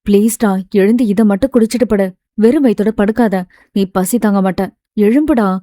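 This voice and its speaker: A woman voicing a caring young woman who speaks softly and coaxingly, in a dry, close recording. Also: mid-range voice, moderate pace, no echo, natural voice. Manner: soft, coaxing.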